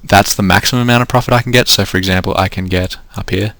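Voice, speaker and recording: Low-pitched and fast, with a fairly bright tone that stays steady, this Australian trading coach talks through the numbers step by step in a screen-recorded lesson. He is losing his voice, and the recording is dry.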